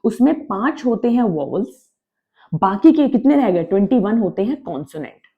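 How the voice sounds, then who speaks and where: A woman's voice: mid-range voice, sing-song, normal speed, muffled recording. A woman teaching English grammar in a lesson, mixing Hindi with English words. She repeats her points with emphasis and drills the letter sounds aloud. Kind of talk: classroom-style grammar lesson.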